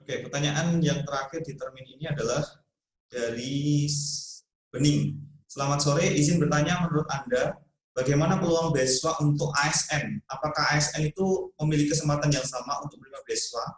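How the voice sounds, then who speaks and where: A man hosting a question-and-answer talk, reading out viewer questions and affirming his guest briskly. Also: fairly high pitch, very echoey, low-quality recording. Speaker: host.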